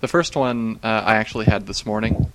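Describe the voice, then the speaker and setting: A man's voice: on the low side, fairly quick, fairly bright tone, no room sound. A man in casual chat, recounting strange dreams and often breaking into laughter. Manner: laughs often while telling, many fillers.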